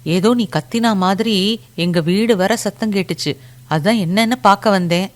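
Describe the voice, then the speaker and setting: A woman's voice: mid-range voice, measured pace, natural voice. A woman voicing a curious, prying neighbor woman in a storybook reading. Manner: prying, questioning. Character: Sundari, curious nosy female neighbor.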